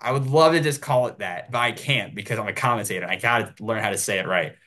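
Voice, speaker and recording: An American man hosting his own sports show, giving solo commentary and ranting in an animated way. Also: on the low side, fast.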